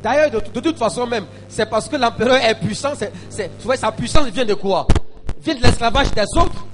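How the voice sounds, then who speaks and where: A male pastor preaching a sermon, often repeating and stumbling over words, swinging between quiet explanation and loud calls to the congregation. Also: very high voice, moderate pace, in a large hall. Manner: preaching with call-and-response to the congregation, rising to shouts.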